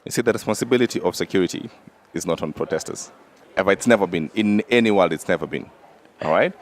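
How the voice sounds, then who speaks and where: A man with a low voice debates politics on a talk show. He talks insistently and emphatically, pressing each point with a quick "all right?" before moving on. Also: slight background noise. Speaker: podcast co-host.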